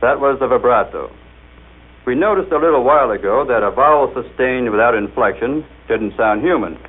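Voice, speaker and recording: A man's voice: mid-range voice, lively intonation, moderate pace, husky. A man demonstrating a machine in a scripted radio broadcast, talking in a jovial, explanatory way as he coaxes it along. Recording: tinny 1939 radio broadcast recording.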